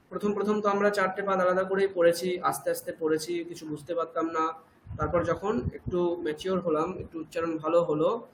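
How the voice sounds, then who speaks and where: A man's voice: high-pitched, roomy sound, a little hiss or hum, rough recording. A man with a Bengali accent teaching an online Sanskrit chanting class, patiently explaining and prompting his students.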